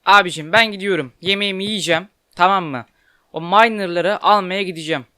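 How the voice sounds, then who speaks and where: A young man giving casual commentary while playing a game, chatty and quick to get frustrated and swear at it. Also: high voice, sharp tone, smooth, no room sound, studio quality. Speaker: gaming YouTuber. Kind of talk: casual Let's Play commentary.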